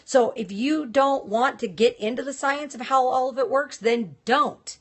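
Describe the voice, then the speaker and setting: A woman's voice: sits high, measured pace, slightly rough. A woman hosting a casual live stream, talking directly and chattily to viewers while reacting to their comments. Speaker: host of a nail industry live stream.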